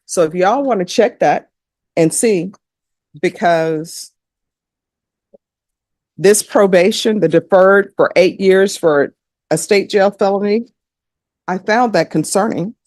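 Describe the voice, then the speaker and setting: A woman's voice: mid-range voice, takes it slowly, long pauses, darkish tone, no echo, clean studio sound. Stern woman judge. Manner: stern, firm and direct. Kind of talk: presiding over a court hearing. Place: courtroom.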